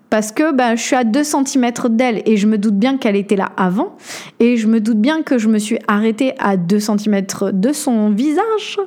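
A woman hosting a podcast, telling a personal story in an animated way, full of hesitations and fillers. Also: on the high side. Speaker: podcast host.

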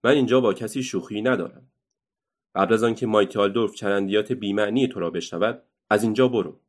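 A man voicing a loud, boastful, quick-tempered male circus ringmaster who announces like a showman in a storybook reading. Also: fairly low pitch, lightly acted. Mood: angry.

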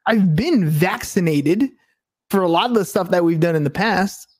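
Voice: mid-range voice, expressive, moderate pace. Hesitant speaker in a casual debate. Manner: hesitant, questioning, many restarts. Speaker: conversation partner.

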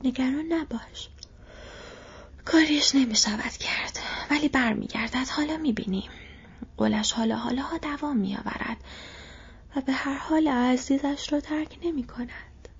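A woman voicing a weary, gentle male hobbit master in a whispered role-play of a storybook, with a raspy whisper. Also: high voice, pitched above the performer's own voice, heavily acted. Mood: reassuring. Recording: dull lo-fi recording.

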